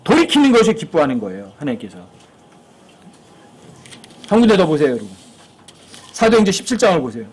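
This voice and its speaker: A man's voice: a little high, huge pitch swings, fast talker, pauses often, husky. A male pastor preaching a sermon in church, talking conversationally and asking his listeners frequent rhetorical questions.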